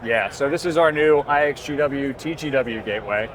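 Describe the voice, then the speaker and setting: At a bustling indoor trade show booth, a man presents his company's product, explaining it conversationally in a medium-pitched voice at normal speed. Exhibition hall ambience and floor noise run throughout.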